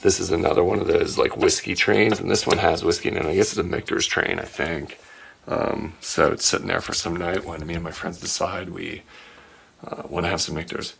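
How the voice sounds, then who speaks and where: A man in his forties giving a rambling late-night tour of his game and art room in a low, sleepy voice, with many ums and uhs. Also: steady tone, a little fast, vocal fry, a bit bright, a little hiss or hum. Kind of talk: rambling home tour narration.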